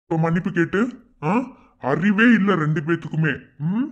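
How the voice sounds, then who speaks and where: A man with a Madurai Tamil accent voicing a young village brother and husband in an animated family cartoon, grumbling and scolding. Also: on the high side, normal speed, lo-fi sound, natural voice. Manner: grumbling, scolding then soothing.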